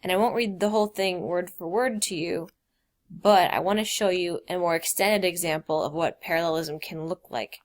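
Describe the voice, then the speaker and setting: A woman's voice: fairly low pitch, moderate pace. A woman teacher explaining grammar in a recorded lesson, reading out quoted examples with emphasis.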